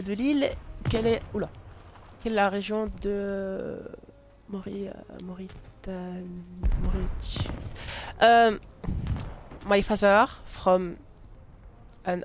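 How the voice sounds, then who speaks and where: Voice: mid-range voice, slight background noise. A live streamer chatting casually while playing a game, hesitant, with many fillers and restarts, and laughing often.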